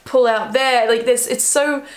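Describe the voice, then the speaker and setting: A woman's voice: a little high, fairly even intonation, measured pace. A woman with an Australian accent chatting casually and rambling in a self-mocking way as she reacts to an old video of herself. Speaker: vlogger.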